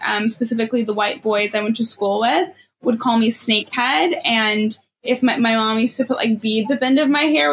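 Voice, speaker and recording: Slight background noise sits under this candid personal chat from a young adult Ethiopian woman with a California Valley girl accent. Speaking as a guest in a slightly high, somewhat bright voice, she keeps saying "like" and "you know."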